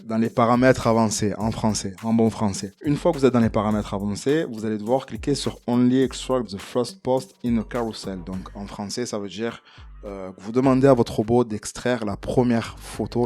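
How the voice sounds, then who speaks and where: A man walking viewers through a casual screen-recording tutorial, chatty and relaxed with plenty of fillers and some self-deprecating humor. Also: on the low side, fairly quick. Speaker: tutorial creator.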